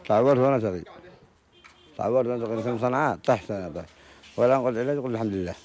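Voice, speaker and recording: A man's voice: mid-range voice, very fast, darkish tone. A Yemeni man being interviewed at an outdoor market, giving short, repetitive answers. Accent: Yemeni Arabic. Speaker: guest.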